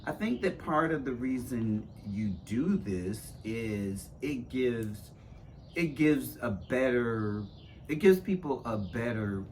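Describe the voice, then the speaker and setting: Halting man searching for words. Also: mid-range voice, lively intonation, a little mellow, a little hiss or hum. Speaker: conversation partner. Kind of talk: casual conversation.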